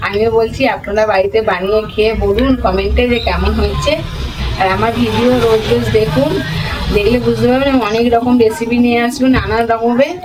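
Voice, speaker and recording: A woman giving a home cooking demonstration, talking slowly and softly because she is unwell, in her kitchen. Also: on the high side, steady tone, noisy background.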